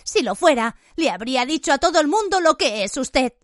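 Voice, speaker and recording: A woman reading an audiobook, voicing a frightened, accusing teenage girl who cries out in high, strained bursts. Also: very animated, fairly quick, no echo, clean studio sound. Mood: subdued.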